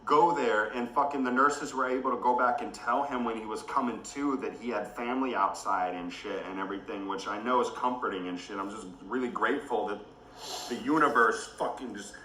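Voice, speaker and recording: A man's voice: medium pitch, brisk, bright, forceful tone, echoey room, slight background noise, poor audio. A man ranting angrily on a livestream, swearing heavily, angry and emotional. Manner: heavy swearing, furious and emotional. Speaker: livestream host.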